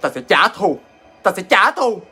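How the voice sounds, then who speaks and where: A man's voice: sits high, sing-song, normal speed, over loud music. A man voicing a vengeful female ghost who has possessed a man, in a told ghost story. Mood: menacing. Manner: menacing, vowing revenge.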